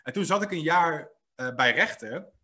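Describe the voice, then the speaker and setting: Lively man podcast host. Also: fairly high pitch, normal speed. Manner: lively storyteller, laughs often, playful. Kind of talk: casual podcast conversation.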